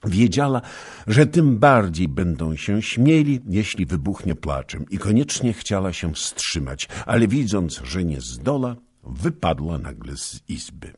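A man narrating a historical novel in a measured, expressive storytelling manner. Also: sits low, breathy edge. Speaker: audiobook narrator.

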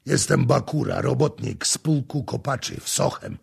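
Give me a desperate beaten laborer pleading loudly, as a man plays him, gravelly and husky. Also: medium pitch, animated, moderate pace, heavily acted. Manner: loud, pleading.

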